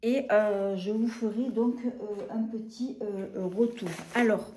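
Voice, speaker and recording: Woman, beauty vlogger, slow halting delivery, fairly high voice, chatty and unscripted. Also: fairly even intonation, dark tone. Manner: hesitant, many filler sounds, unhurried. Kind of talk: casual product haul talk.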